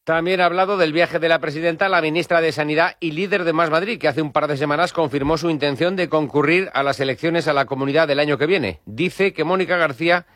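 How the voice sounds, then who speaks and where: A man anchoring a radio news bulletin with a steady, formal delivery. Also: fairly high pitch, quick pace, few pauses, no room sound, clean studio sound.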